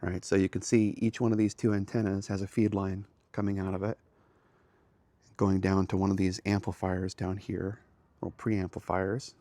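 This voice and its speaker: A man who hosts and is an amateur radio hobbyist leads a casual walk-through tour, starting outdoors by a house and moving into a garage and a small radio room, explaining things plainly. His voice is low-pitched and dark, with little pitch movement and a moderate pace, recorded dry.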